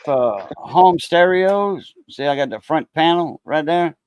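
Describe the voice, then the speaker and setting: A man in his fifties, nearly sixty, chats casually on a live stream, relaxed and quick to laugh, filling his speech with lots of fillers. His voice is slightly high and expressive, and he speaks slowly. There's a faint hiss or hum in the audio.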